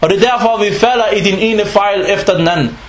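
High-pitched man preaching in a roomy space. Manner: animated, mixes in Arabic phrases and recitation. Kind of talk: informal religious lecture.

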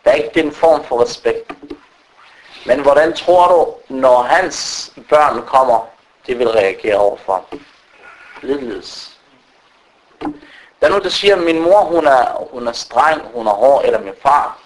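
A man's voice: mid-range voice, expressive, pauses often, poor audio. A man preaching an unscripted religious lecture to a gathering, talking directly to his listeners with frequent fillers and restarts. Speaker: Islamic preacher.

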